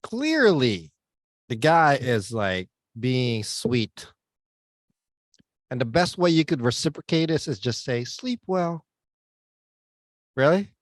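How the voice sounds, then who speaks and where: A woman's voice: extremely low pitch, very animated, slow pace, pauses often, no room sound, studio quality. A Filipino-American woman co-hosting a casual podcast chat, blunt and sarcastic, teasing the others. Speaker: podcast co-host.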